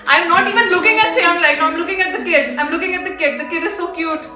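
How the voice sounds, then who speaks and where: A woman's voice: extremely high pitch, fast talker. A young Indian woman with an Indian accent hosting a reaction video, gushing and exclaiming a lot as she comments. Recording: echoey room.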